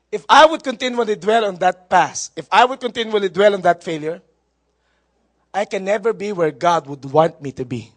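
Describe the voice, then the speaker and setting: A male pastor delivers a sermon. He tells stories with a light, playful touch, then builds to loud, fervent exhortation. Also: high-pitched, normal speed. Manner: mixes storytelling with rising, forceful exhortation.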